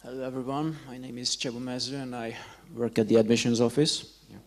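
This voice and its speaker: A man's voice: mid-range voice, fairly even intonation, brisk. A man who works in an admissions office, introducing himself in a wry, joking way. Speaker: admissions staff. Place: university hall.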